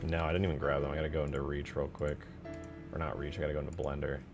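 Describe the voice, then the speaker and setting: Over music, a man with a very deep voice races along in a flat delivery. He streams himself modding a game, casually commenting live, thinking out loud and quizzing himself in an offhand way.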